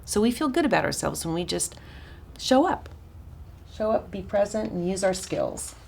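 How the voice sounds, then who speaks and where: Raspy-voiced woman teaching a workshop. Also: medium pitch, big pitch swings, normal speed, slight background noise. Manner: chatty, warm-hearted asides with frequent restarts and fillers. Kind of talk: informal teaching talk to a small group.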